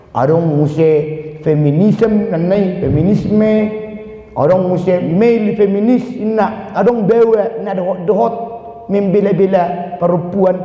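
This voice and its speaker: A man with a Batak accent preaching a sermon as pastor, animated and asking the congregation questions. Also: high voice. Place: church. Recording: echoey church hall, dull lo-fi sound.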